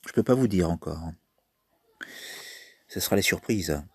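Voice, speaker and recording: A man's voice: sits low, lively intonation, measured pace, a little mellow, husky, no echo. A man giving casual commentary on a mobile trivia game, thinking aloud as he plays. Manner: chatty, thinks aloud while playing. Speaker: mobile game video maker.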